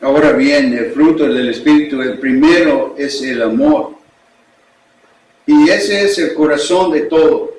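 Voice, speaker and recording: A male pastor with an English accent, a native English speaker preaching a sermon in a language he is still learning, slow and deliberate. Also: on the high side, a little mellow, slight background noise. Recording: echoey room, distant mic.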